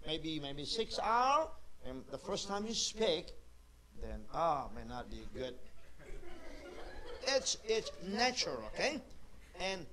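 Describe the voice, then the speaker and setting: A middle-aged man with a notably high voice leads a children's Bible class. He asks the same question again and again, coaxing the children to answer, in heavily accented non-native English. He talks slowly and takes his time. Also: a bit bright.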